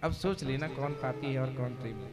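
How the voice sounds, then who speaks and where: A man's voice: medium pitch, a little fast. A male Bhagavata katha preacher giving a devotional sermon to a seated audience, jovial and teasing as he commands them to chant and sit still. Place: religious gathering before a seated audience. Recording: live recording with loud devotional music.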